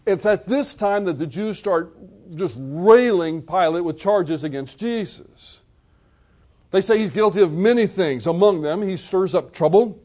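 Male preacher, high voice, vivid storyteller delivering a sermon. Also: expressive, a little slow, a little mellow. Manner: vivid storytelling, retelling scenes.

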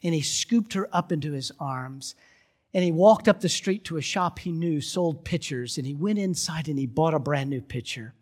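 A male pastor preaching a sermon and telling a story, moving between loud emphasis and hushed, quiet passages. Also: normal speed. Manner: dramatic, swings from loud emphasis to hushed lows.

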